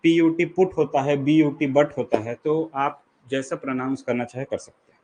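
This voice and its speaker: A young Indian man giving a law lecture in Hindi mixed with English terms. He asks questions and answers them himself, and he slows down to read definitions aloud. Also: medium pitch, steady tone, a little mellow. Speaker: law teacher. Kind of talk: classroom lecture.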